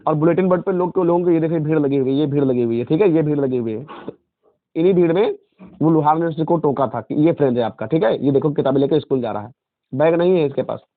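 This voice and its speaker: A male English teacher explaining a story line by line, reading each English phrase slowly and repeating it in Hindi, and calling his students "beta". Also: a little high, dry recording. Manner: calls students "beta" and "friends". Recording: tinny phone-like audio, dry.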